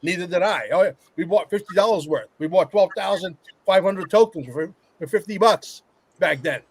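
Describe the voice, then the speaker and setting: A man's voice: sits high, moderate pace, husky. A man in a panel discussion, speaking emphatically and bluntly in an opinionated way, repeating himself for force. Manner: emphatic, repetitive, coarse-tongued. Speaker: roundtable panelist.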